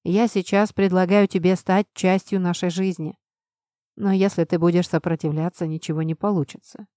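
A woman reading an audiobook, voicing a self-assured young male student leader who lectures calmly and commandingly. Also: on the low side, normal speed, no echo, studio quality, lightly acted. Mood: lecturing. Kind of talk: audiobook narration.

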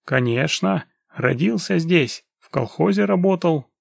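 Desperate pleading mountaineer father, gravelly and raised pitch, as a male narrator puts him on. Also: expressive, measured pace, no echo, full character voice. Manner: pleading, wailing.

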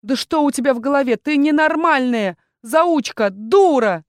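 A woman reading an audiobook, voicing a sharp-tongued young noblewoman necromancer who scolds and exclaims indignantly. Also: high-pitched, moderate pace, no echo, clean studio sound, pitched above the performer's own voice, natural voice. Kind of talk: audiobook character voice.

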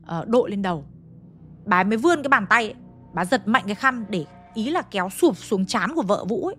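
Expressive woman storyteller. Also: mid-range voice. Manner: expressive, conversational, lingering on eerie details. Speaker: ghost story narrator. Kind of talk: casual spoken storytelling.

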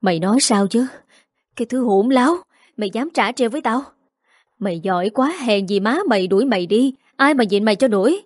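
A hot-tempered older mother-in-law, voiced by a woman, nags in a shrill, raised voice. She fires off rebukes at speed, loud and high. The sound is dry and close. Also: no room sound, natural voice. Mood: furious. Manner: shrill, fast scolding.

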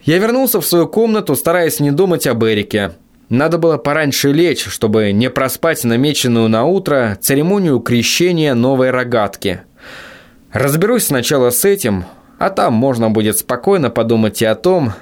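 A man narrating a novel in the first person, in a level, measured reading voice. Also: medium pitch, very animated. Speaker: audiobook narrator.

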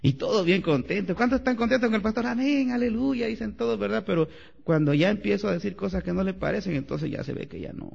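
A man preaching a Sunday sermon as pastor, animated and climbing to loud exclamations. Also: high-pitched, fast talker, vocal fry, husky. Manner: animated preaching, rising to shouts. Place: church sanctuary. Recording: lo-fi church recording with long reverb.

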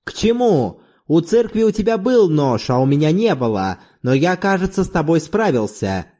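A tough old foreign laborer, stubborn and quick to anger, as a male reader voices him. Gruff and defiant, the voice rises and swings in lively turns over a dark, mellow tone. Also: a little high, pitched above the performer's own voice. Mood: scornful.

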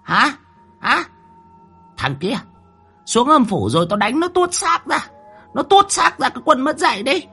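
A man's voice: very high-pitched, sing-song, unhurried, vocal fry, pauses often, pushed and bright, soft background music, voice pushed up, heavily acted. A man voicing a crazed old woman who shrieks and scolds.

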